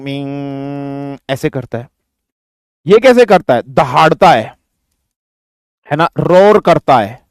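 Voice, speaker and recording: Man, high voice, physics teacher, mix, question-and-answer lecture, dry close sound. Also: darkish tone, no room sound. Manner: addresses students as beta, asks and answers own questions. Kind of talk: classroom lecture.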